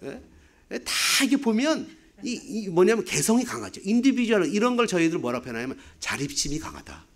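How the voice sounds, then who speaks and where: A man's voice: high-pitched, big pitch swings, fairly quick, a little hiss or hum. A man in his fifties, a pastor, preaching a sermon with rhetorical questions and humorous asides. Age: 50s.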